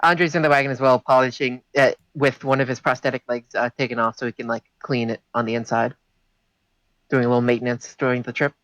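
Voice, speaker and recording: A man's voice: mid-range voice, fairly even intonation, fast, fairly bright tone, dry recording, poor audio. Easygoing man role-playing a craftsman. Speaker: player. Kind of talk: tabletop role-play in character.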